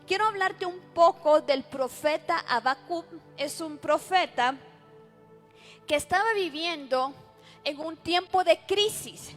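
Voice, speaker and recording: Woman, preacher, very high voice, impassioned sermon, faint background music. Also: slow pace. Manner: impassioned, quotes prayers in a pleading voice.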